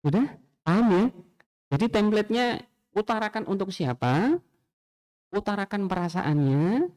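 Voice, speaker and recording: Dark-voiced man giving a chatty lecture. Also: sits high, very animated, unhurried. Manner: chatty, asks listeners rhetorical questions. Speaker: school principal giving a teacher training. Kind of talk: casual spoken lecture.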